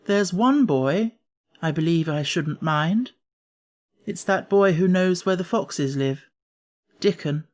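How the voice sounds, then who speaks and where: A man voicing a frail, spoiled, imperious young boy in a storybook, speaking in a petulant, deliberate way. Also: high-pitched, lively intonation. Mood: thoughtful, slow.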